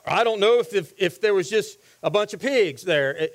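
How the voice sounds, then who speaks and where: A man's voice: high-pitched, lively intonation, moderate pace. A man preaching a sermon, asking the congregation questions and answering them himself. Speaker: pastor.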